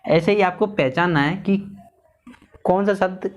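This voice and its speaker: A man teaching a lesson on vowel signs, slowly repeating and sounding out each syllable. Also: high-pitched. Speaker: Hindi teacher.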